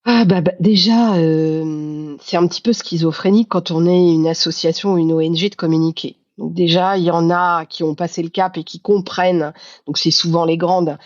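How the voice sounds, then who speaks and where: A woman in her fifties from Paris, speaking as a podcast guest, reflective and halting, with many fillers and restarts. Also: lowish voice, steady tone, a little mellow, no echo, lo-fi sound. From Paris, France. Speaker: guest, communications agency founder. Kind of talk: podcast interview.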